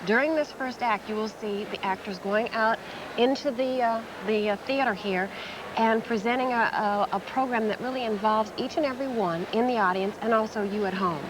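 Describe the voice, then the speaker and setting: Woman co-host on live tv, highish voice, chatty, noisy venue. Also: normal speed. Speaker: television broadcast co-host. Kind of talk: conversational live event presenting. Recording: clear background venue noise.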